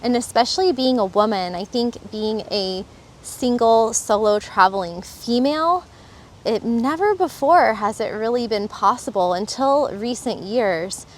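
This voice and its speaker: A woman's voice: on the high side, a little slow, slight background noise. A woman from Florida, a travel vlogger, talking earnestly and enthusiastically in a casual reflective vlog, recorded outdoors. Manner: earnest and enthusiastic, with some fillers.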